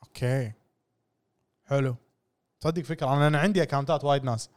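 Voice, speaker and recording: A man hosting a casual podcast chat, playful and quick, slipping into English now and then. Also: medium pitch, steady tone, a little mellow. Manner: playful, quick, slips into English and mimics accents. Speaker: podcast host.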